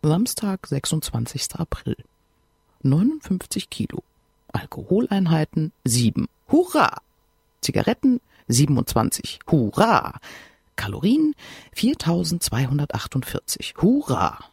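A woman narrating a first-person diary audiobook in a wry, self-mocking, lively way. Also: deep voice, a little slow, vocal fry, slightly rough, no echo, studio quality.

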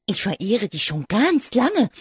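A man voicing a hectic, eager male squirrel in a storybook, breathless and excitable. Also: high-pitched, a little slow, slightly rough, no echo, clean studio sound, voice pushed up, heavily acted.

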